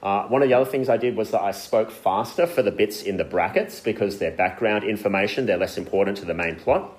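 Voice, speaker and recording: Low-voiced man teaching a group casually. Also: a little fast. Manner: casual, with frequent uh fillers and kind of. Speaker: workshop leader teaching Bible reading. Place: meeting room with an audience, also streamed online.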